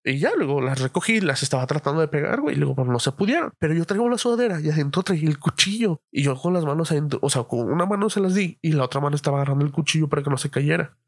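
A man's voice: on the high side, lively intonation, very fast, hardly any pauses, no echo, clean studio sound. Slangy young man telling a story. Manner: slangy, rambling, full of fillers and swearing. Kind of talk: casual anecdote telling.

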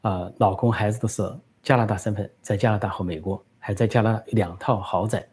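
A man's voice: fairly low pitch, fairly even intonation, fairly quick, darkish tone, a little hiss or hum. A man giving political commentary and answering live questions, talking conversationally with many fillers.

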